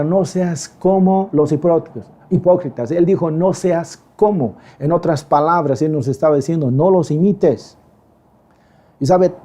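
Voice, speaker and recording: A male pastor giving a lively, conversational sermon, acting out quoted voices in quick emphatic bursts. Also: a little high.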